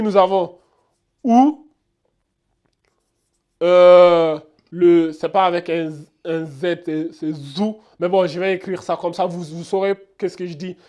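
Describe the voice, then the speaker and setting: A man's voice: high-pitched, a little mellow. A man giving a casual beginner lesson, repeating sounds and often checking that viewers follow. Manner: repetitive, checks understanding often. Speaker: Arabic teacher.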